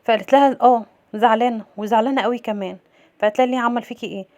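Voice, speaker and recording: A woman with an Egyptian accent casually recapping a drama episode, retelling each scene and quoting the dialogue in an even voice. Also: fairly high pitch, racing, lo-fi sound. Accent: Egyptian Arabic. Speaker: series recap narrator.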